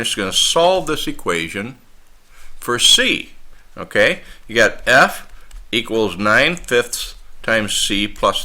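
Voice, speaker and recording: A man's voice: medium pitch, sharp tone. A man from the United States teaching a casual math lesson, chatting along and acting out both sides of a phone conversation.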